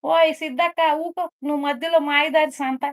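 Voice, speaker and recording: A woman's voice: high voice, steady tone, fairly quick. A woman doing a gossipy village busybody. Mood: teasing. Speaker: live stream entertainer. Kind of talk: comic character monologue on a live stream.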